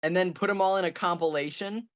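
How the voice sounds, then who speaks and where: A man's voice: high voice, fairly even intonation, fast, dry recording, dull audio. Man rambling casually on a podcast. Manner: rambling, many restarts. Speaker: podcast host. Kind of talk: casual chat.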